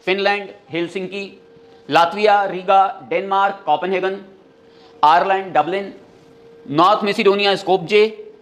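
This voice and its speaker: A male teacher giving a classroom lesson, running through countries and their capitals in a quick, steady rhythm and mixing Hindi with English phrases. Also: sits high.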